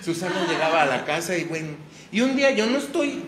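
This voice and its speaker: Man telling a lively anecdote. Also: high-pitched, quick pace, crowd noise. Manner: animated, lively storyteller. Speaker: actor at a press conference. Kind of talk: storytelling anecdote. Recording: echoey room with background noise.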